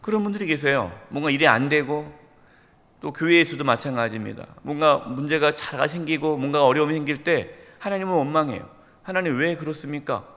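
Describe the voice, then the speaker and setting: A middle-aged pastor preaches a dawn sermon in a bright, forceful voice, putting questions straight to his listeners. He acts out complaints loudly, then drops to a hush for his warnings. His voice carries the long reverb of a church sanctuary. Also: fairly high pitch, brisk. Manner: explains scripture with rhetorical questions to the congregation; acts out quoted complaints with swings from loud to hushed.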